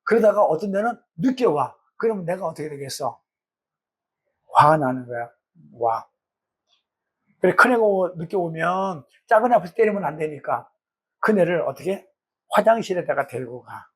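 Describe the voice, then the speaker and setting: A man's voice: on the high side, animated, moderate pace, pauses often, slightly rough. A middle-aged man, a pastor teaching a Bible study in a colloquial way, acting out the voices he quotes.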